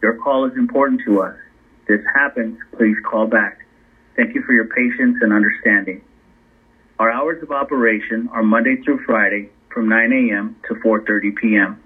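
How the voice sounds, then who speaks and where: A man reading a recorded phone menu greeting slowly and evenly. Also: fairly low pitch, slightly rough. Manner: slow, even, spells out letters. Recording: tinny phone line.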